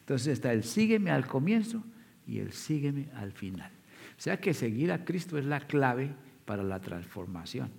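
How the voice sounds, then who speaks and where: A man of medium pitch preaches a sermon, walking his listeners through a scripture story and asking them pointed questions. His voice rings out with the long reverb of a large church hall. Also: very animated, moderate pace, vocal fry, darkish tone. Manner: storytelling, addresses the congregation directly.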